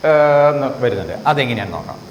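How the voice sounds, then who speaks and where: A man with a Malayali accent teaching a phonetics lesson, repeating example words slowly and asking rhetorical questions. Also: medium pitch, expressive. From Kerala, India. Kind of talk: classroom lesson on English vowel sounds. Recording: echoey room with faint background noise.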